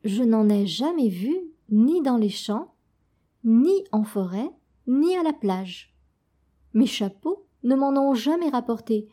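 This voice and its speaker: Une conteuse qui joue une fillette têtue et impatiente. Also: female voice, high-pitched, dark tone, exaggerated voice. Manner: eager, insistent. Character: stubborn little girl, hat lover.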